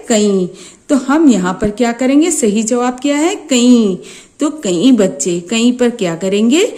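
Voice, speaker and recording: A woman teacher with an Urdu-medium Maharashtra accent, slowly walking young children through a first-grade maths exercise, asking questions and answering them herself. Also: a little high, darkish tone. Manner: slow, sing-song questions answered by herself. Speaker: primary school teacher.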